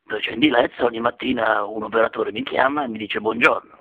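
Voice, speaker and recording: A man playing a naive, muddled elderly customer on a phone call, with a husky, gravelly voice and a hesitant, apologetic manner. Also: fairly low pitch, fairly even intonation. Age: older. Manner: hesitant, apologetic, slow to grasp things. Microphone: telephone. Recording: narrow, tinny phone line.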